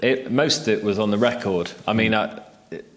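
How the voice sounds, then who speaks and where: A man, a journalist from England, telling a relaxed, self-deprecating anecdote in a stage interview, with lots of fillers and asides. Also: lowish voice, moderate pace. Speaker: freelance cycling journalist, interviewee. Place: festival stage interview, indoors.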